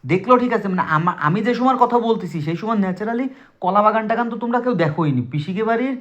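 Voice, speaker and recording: This fast-talking man has a high, animated, fairly bright voice and a southwestern Bangladeshi Bengali accent. He tells friends a ghost story from his own life, speaking conversationally and with emphasis, right to his audience. The recording sounds dull and lo-fi.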